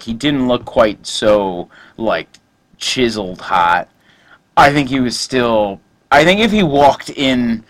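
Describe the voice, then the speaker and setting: A man co-hosting a casual chat show, joking and animated, with plenty of fillers. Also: mid-range voice, no echo, low-quality recording. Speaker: podcast co-host.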